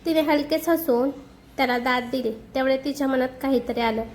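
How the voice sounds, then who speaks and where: Storyteller woman, high and mellow, reads a romance with steady expression. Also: fairly quick, slight background noise. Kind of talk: scripted narration.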